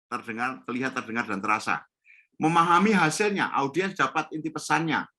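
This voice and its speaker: Pria pelatih bersuara terang dan tegas. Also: male voice, medium pitch, expressive, brisk, sharp tone. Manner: instructive, repeats key points with a tag "ya". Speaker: storytelling trainer. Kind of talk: online training webinar. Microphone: video call.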